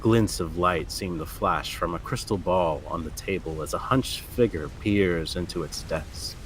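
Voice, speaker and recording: A man's voice: low-pitched, a little slow, slight background noise, poor audio. A man narrating a tabletop role-playing game as the game master.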